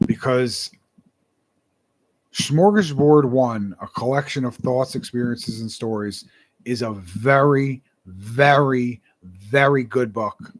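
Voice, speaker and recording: A man's voice: mid-range voice, takes it slowly. A young man, a self-published author, talking casually and earnestly to camera, rambling and repeating his words.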